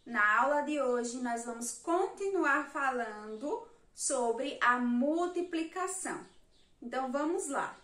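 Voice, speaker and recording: A woman's voice: sits high, lively intonation, takes it slowly, fairly bright tone. A Brazilian woman teaching young children in a remote lesson, patiently counting letters and syllables aloud. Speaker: primary school teacher. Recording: echoey room, mic at a distance.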